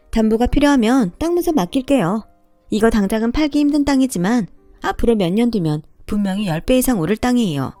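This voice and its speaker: A woman's voice: on the high side, dry recording, pitched above the performer's own voice. A woman voicing a desperate middle-aged sister-in-law who begs insistently for a loan. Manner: begging, rushed and insistent.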